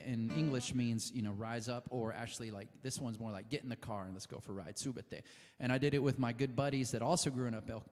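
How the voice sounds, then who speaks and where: Before he plays, a Texas musician chats casually on stage, telling friendly, rambling stories with fillers. His medium-pitched voice is a little mellow and carries a long reverb tail.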